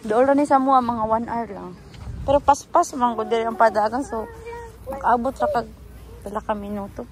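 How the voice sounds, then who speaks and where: Outdoors by the seaside, a mother who vlogs family travel narrates an outing in a chatty, casual way while coaxing her toddler. Her voice is a little high, her pace moderate, and there's a bit of hiss or hum in the audio.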